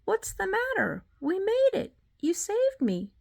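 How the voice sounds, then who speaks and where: A woman's voice: very high voice, wildly swooping pitch, unhurried, vocal fry, voice pushed up, exaggerated voice. A woman doing an earnest polite little boy. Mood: cheerful. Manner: earnest, reasonable, explaining.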